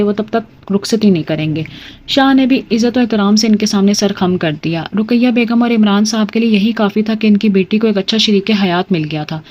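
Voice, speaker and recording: A woman narrates a romance novel at an even, steady pace. Her voice sits in a middle pitch. The recording is slightly muffled. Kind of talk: scripted audiobook narration.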